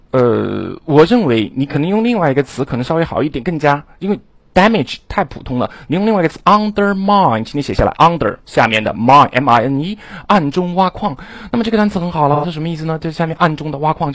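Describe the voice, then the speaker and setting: A man lecturing students on English vocabulary, animated and exclaiming, often addressing the class directly. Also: on the high side, no room sound. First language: Chinese. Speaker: English exam teacher.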